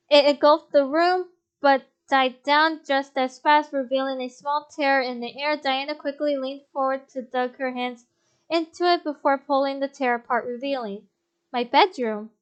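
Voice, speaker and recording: A young woman reading a visual novel aloud as a game streamer, expressive, with blunt swearing asides. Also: high-pitched, unhurried, lo-fi sound.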